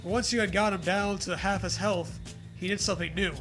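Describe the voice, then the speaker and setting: A man with a high voice briskly hosts a dramatic story reading, music playing behind him. He mixes the reading with crude jokes, profanity and animated reactions.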